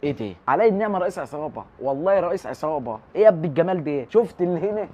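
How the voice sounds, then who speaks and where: A man's voice: fairly high pitch, very fast. A young man in his late teens with an Egyptian Arabic accent, hosting a tech vlog full of joking reactions. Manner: animated, joking reactions to the screen. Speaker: YouTuber.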